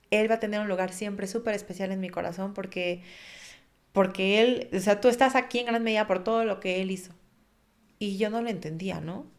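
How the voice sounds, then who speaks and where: A woman, a podcast guest, earnestly recounting a personal story and vividly acting out what people said. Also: mid-range voice.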